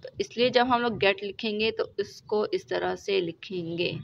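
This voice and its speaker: A woman with a Pakistani Urdu accent teaching shorthand in a recorded lesson, going slowly step by step and checking in with the class after each point. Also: mid-range voice, creaky. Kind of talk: recorded lesson explaining examples. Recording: dull lo-fi recording with faint noise.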